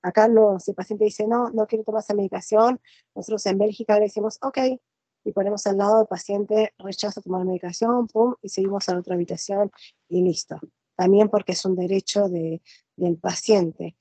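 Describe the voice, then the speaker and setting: A woman's voice: medium pitch, steady tone, a little fast, warm tone, breathy edge, dry recording, poor audio. A middle-aged woman with an Argentine Spanish accent, explaining things in a conversational way. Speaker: nurse working in Belgium.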